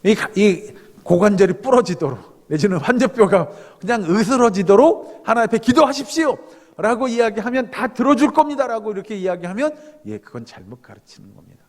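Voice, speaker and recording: Middle-aged pastor guy, lively pitch all over, acts out prayers, echoey church. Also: a little fast. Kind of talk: sermon. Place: church sanctuary. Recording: reverberant church hall.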